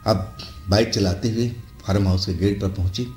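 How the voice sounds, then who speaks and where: Low-voiced man narrating a horror story. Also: fairly even intonation, a little mellow. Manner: unhurried, conversational retelling with fillers. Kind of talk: storytelling narration with acted quotes. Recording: echoey room with faint music.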